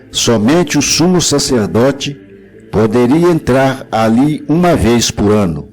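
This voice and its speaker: A man narrates a devotional reflection in a measured, solemn tone, reading scripture with care. His voice sits at an ordinary pitch, and he speaks unhurriedly. Faint music plays quietly behind him. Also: poor audio.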